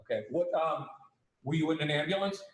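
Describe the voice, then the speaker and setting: A man questioning a witness as an attorney, measured and methodical, heard in a courtroom recording. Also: fairly high pitch, reverberant, poor audio. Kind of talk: courtroom examination.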